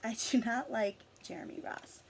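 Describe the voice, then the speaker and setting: Reading a storybook aloud to kids, a woman with a slightly high, gravelly voice lingers on drawn-out words and leans into dramatic emphasis. She pauses for asides and questions to her listeners. Faint noise sits behind her in the homemade recording.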